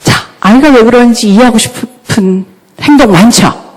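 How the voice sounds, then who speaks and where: A woman giving a church talk on parenting, lively and often asking the audience questions. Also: a little high, normal speed. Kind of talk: church lecture. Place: church hall. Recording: long hall reverb.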